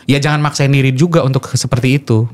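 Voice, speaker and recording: A man who works as a radio announcer, talking casually in a podcast chat and explaining with quick acted examples. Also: mid-range voice, steady tone.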